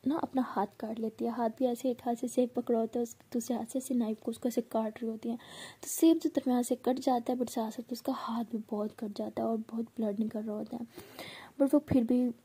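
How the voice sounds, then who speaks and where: A woman retells a love story in a casual, chatty way, repeating herself. Her voice is breathy and husky with a mellow, dark tone. She often drops into a whisper. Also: on the high side, steady tone, a little fast. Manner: chatty, repetitive, drifts into whispers.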